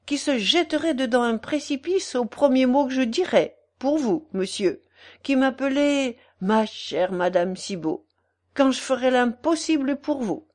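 A woman's voice: on the high side, a little mellow, voice pushed up. A woman voicing a brash, gushing middle-aged concierge who talks in an effusive, wheedling, theatrical way. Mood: coaxing.

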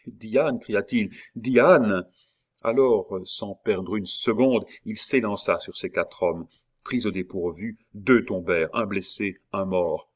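Deep-voiced male audiobook narrator. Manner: steady, measured storytelling. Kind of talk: audiobook reading of a classic novel.

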